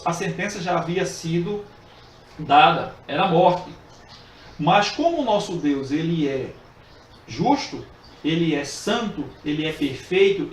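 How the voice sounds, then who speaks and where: A man teaching a Bible study lesson, earnest and repetitive, pausing often with fillers as he explains. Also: sits high. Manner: earnest, repeats phrases with frequent filler pauses. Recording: echoey room, distant mic, faint hiss.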